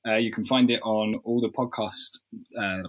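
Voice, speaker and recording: A woman's voice: rumbling low, steady tone, moderate pace. A woman co-hosting a podcast, chatting casually, laughing often and restarting her sentences. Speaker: podcast co-host.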